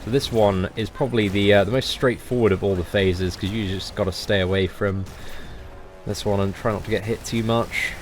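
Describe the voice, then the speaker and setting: A young man giving casual game commentary as a boss guide, chatty and relaxed with lots of fillers. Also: fairly low pitch, normal speed, faint music behind. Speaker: gaming channel host.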